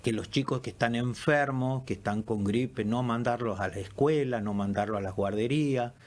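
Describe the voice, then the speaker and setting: A man, a lung doctor answering questions in a radio interview, measured and explanatory with frequent fillers. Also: mid-range voice, a little mellow. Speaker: pulmonologist guest.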